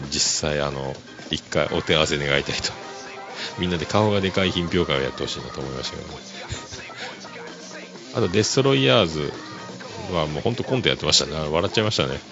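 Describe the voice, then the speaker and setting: A man hosting a casual solo podcast, easygoing and chuckling, full of fillers. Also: very deep voice. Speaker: podcast host. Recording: dull lo-fi recording. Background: music playing underneath.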